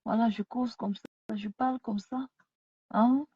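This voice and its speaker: A woman's voice: a little high, steady tone, measured pace, mellow, breathy edge, dry recording. A woman, ranting and scolding in a repetitive live video monologue while she lies down, talking into a phone she has set down. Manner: scolding, repetitive, talks to the viewers. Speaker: live streamer. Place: lying down at home. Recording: dull lo-fi phone audio.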